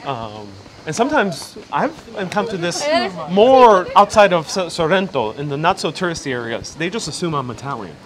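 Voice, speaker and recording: A man's voice: on the high side, very animated, moderate pace, few pauses, a bit bright. A man with a mixed accent, a native Spanish speaker, hosting a casual livestream outdoors. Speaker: livestream host. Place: outdoors, evening streets and harbor. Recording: noisy outdoor street ambience.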